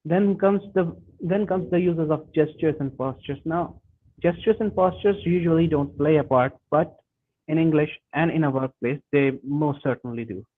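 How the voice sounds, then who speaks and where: A man presenting a webinar lesson, talking haltingly with frequent restarts and self-corrections. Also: fairly high pitch. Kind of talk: lecture on workplace communication. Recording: tinny phone-like webinar audio.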